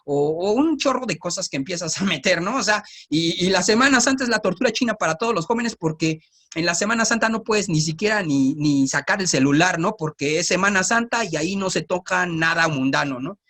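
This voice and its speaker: A man with a Mexico City Spanish accent gives a Bible teaching in a relaxed, chatty way. He keeps checking in with his listeners through tag questions and slips in joking asides. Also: high voice, brisk.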